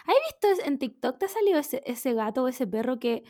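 A woman's voice: sits high, a little fast, no room sound, studio quality. A young Chilean woman co-hosting a podcast, telling stories with lots of laughter and swearing. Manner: laughing, swearing, animated storyteller. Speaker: podcast co-host. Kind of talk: casual chat.

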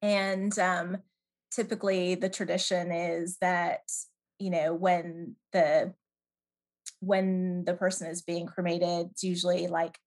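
Woman from canada on a podcast, lowish voice, talks slow and careful with lots of ums. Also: flat delivery. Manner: thoughtful, hesitant with fillers. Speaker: guest. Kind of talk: podcast interview.

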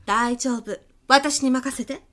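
A woman plays a pushy, self-assured business coach and hypnotist in a comedic radio drama, teasing, condescending and theatrically hypnotic. Her voice sits high and a bit bright, and she takes her time.

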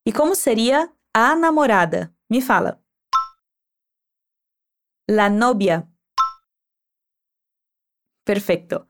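A woman with a high, very lively voice leads a language lesson. She models each phrase slowly and patiently, then prompts the learner to repeat it. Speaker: Spanish teacher.

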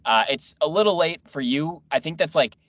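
A man's voice: on the high side, lively intonation, a little fast, fairly bright tone, no room sound. Teasing man hosting sports radio. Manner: teasing, wry, talkative. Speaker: radio show host. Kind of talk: casual sports radio chat. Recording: muffled lo-fi audio.

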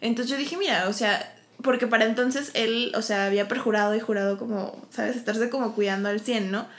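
A woman co-hosting a casual podcast chat, playful and quick to laugh. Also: fairly high pitch, fairly even intonation. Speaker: podcast co-host. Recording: roomy echo.

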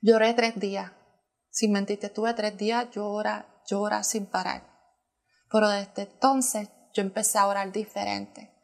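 A woman's voice: mid-range voice, steady tone, measured pace. A woman sharing a personal testimony as a church planter in conversation, earnest and emotional, often restarting her sentences.

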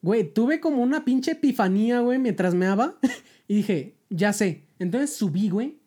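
Slangy young Mexican woman, mellow voice. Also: a little high, animated, normal speed. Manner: slangy storytelling, laughing often. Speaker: podcast host. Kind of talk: casual chat.

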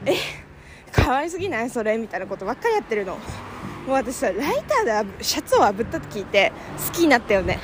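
A young woman gushing in a casual, filler-heavy monologue. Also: on the high side. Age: young adult. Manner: chatty, gushing, lots of fillers. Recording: noisy background with passing vehicles.

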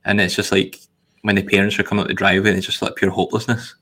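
A man hosting a film podcast, talking in a relaxed, thoughtful way with lots of pauses. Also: low voice. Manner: relaxed, thoughtful, hesitant with fillers. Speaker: podcast host. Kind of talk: casual film discussion.

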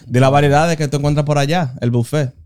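Panelist, man, smooth resonant voice, slightly high. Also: fairly even intonation, fast talker, darkish tone. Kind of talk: casual podcast chat.

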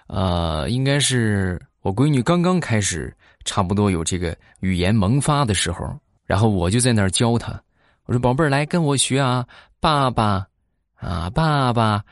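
A man with a fairly low voice tells comic anecdotes to his listeners in a chatty, easygoing way. He keeps tossing in little tag questions and drawn-out particles. The sound is dry and close, with no room echo. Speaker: podcast host.

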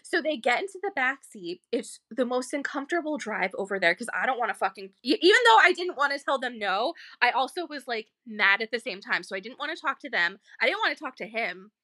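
A woman co-hosting a casual podcast with a high, bright voice that leaps up and down as she tells a story. She sounds sick but stays animated and laughs often. The sound is close and dry, with no room around her. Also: fairly quick, hardly any pauses, no room sound. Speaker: podcast co-host.

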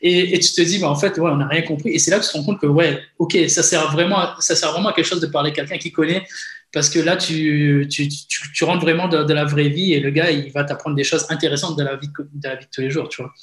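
Young French man, podcast host, eager and casual, a bit high-pitched, echoey room. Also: steady tone, quick pace, a bit bright. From France. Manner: enthusiastic, swears casually, keeps saying "tu vois".

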